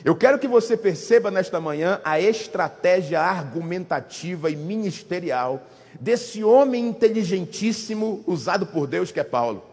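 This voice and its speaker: Male pastor, high-pitched and husky, emphatic repeated sermon cadences, recorded with long church reverb. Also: animated, normal speed. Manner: preaching with rising emphatic exclamations and repeated phrases; softens into low tender asides when voicing fatherly love. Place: church sanctuary.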